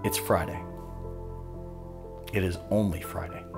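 Male pastor, very low voice, unhurried and weighty sermon delivery with long pauses. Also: fairly even intonation, over music. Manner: slow, solemn and deliberate, with long pauses.

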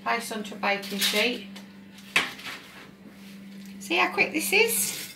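A woman's voice: on the high side, big pitch swings, slow pace, creaky, noisy background. A middle-aged woman, a support worker giving a friendly home cooking demonstration and encouraging her viewers. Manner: chatty, encouraging, talks to viewers as "guys". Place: home kitchen, indoors. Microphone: phone camera on the counter. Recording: home phone recording with kitchen clatter.

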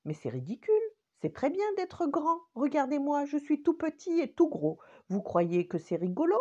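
A woman's voice: high voice, very animated, moderate pace, darkish tone, highs cut off, voice pushed up. An older woman voicing a bossy little round thumb man in a bedtime story, exclaiming and commanding. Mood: coaxing.

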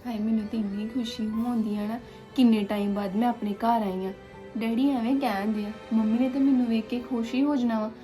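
An actress playing a young adult daughter who gently consoles her mother. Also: on the high side, steady tone, brisk, faint music behind, lightly acted. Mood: eager. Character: young daughter returning home after hardship.

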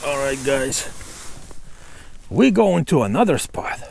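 A man's voice: mid-range voice, sing-song, takes it slowly, vocal fry, darkish tone, slight background noise. Chatty man fishing on a boat. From Russia. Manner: chatty, laughs often, coaxes the fish. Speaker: fishing vlogger. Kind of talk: casual chat while fishing. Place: small boat on open water outdoors. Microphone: action camera mounted on the boat.

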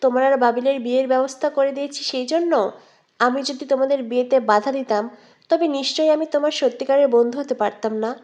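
A hurt, restrained young woman, voiced by a woman narrator answers in quiet, subdued, clipped lines. The voice stays high but softer and lower in volume than the surrounding narration. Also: steady tone, fast talker, close to an everyday voice.

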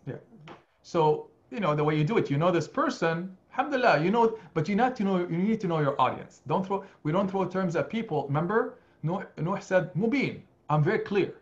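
A man in his forties guides an online study session from his home office, speaking earnestly and gently while weaving in Arabic religious phrases. His voice sits on the high side for a man. The webcam audio comes through dull and muffled. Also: animated, a little fast. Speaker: imam teaching a study circle. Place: home study with lamp and bookshelf. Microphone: video call webcam.

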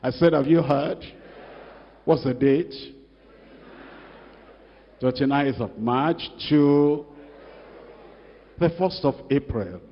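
A man's voice: medium pitch, takes it slowly, pauses often. Older man preaching in a large echoing hall. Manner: rebuking, asks the congregation direct questions. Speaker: pastor. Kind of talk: sermon. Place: large church hall at a pulpit. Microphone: handheld microphone. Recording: dull reverberant hall sound.

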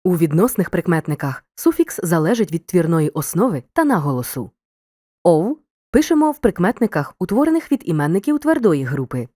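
Woman narrating a lively video lesson. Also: fairly low pitch, dry recording. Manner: clear, deliberate dictation of examples. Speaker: teacher.

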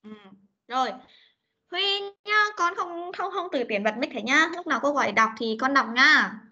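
Female online teacher, high-pitched, coaxing, repeats words for pupils to echo; muffled, lo-fi call audio. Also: lively intonation, normal speed, bright, forceful tone. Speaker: English teacher. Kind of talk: online class pronunciation drill. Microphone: video call. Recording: dull lo-fi meeting recording.

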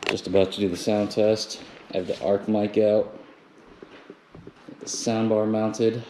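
In a spacious open living room with a high ceiling, an installer hosts a job-site vlog, giving a casual, unscripted walkthrough on a handheld camera indoors. His voice sits on the low side, level and mellow, and he talks a little slowly. Noise and clicks are clearly audible in the camera audio.

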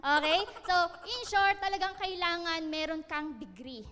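A woman speaks to a room in a high, bright voice, teasing her listeners and laughing at her own jokes. Her words ring out with a long hall reverb behind them, as in a seminar space. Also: lively intonation, normal speed. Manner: joking, laughing, asks listeners questions. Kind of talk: lively seminar talk.

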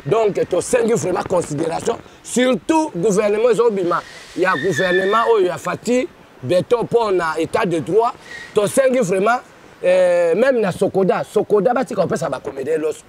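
A man's voice: high-pitched, expressive, normal speed. A man, a comedian being interviewed, talking in an exuberant, declamatory way. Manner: exuberant, declamatory, mixes two languages. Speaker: comedian interviewed in his stage persona. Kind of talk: street interview, lively self-promotion. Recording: crowd noise behind.

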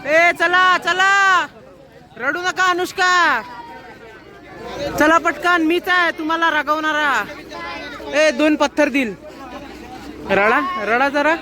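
Young man, high voice, playful teasing, outdoor vlog, crowd noise behind. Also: steady tone, slow, pauses often. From Maharashtra, India. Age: young adult. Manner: playful, teasing friends to cry. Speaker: vlogger. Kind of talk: casual teasing vlog chat. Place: outdoors at a busy camp farewell. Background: crowd of students chatting.

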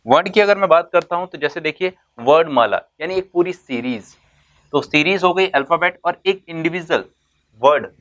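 A man teaches basic English terms in a classroom-style lesson, blending Hindi with English words and asking questions he then answers himself. His fairly high voice is animated and fairly bright, he stretches words out slowly for emphasis, and the sound is lo-fi.

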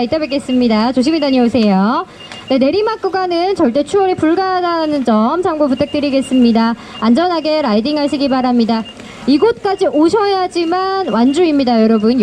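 At the start line of an outdoor cycling race, a woman with a high, darkish voice makes live public announcements. With customer-service courtesy, she keeps repeating the safety instructions to the riders encouragingly, and the recording is noisy with traffic passing.

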